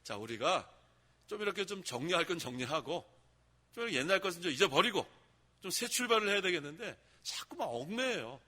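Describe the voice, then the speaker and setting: A man's voice: high voice, very animated, a little fast, bright, forceful tone. A man pastor preaching a sermon in a church, often asking the congregation questions and repeating key phrases. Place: church sanctuary. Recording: echoey church hall.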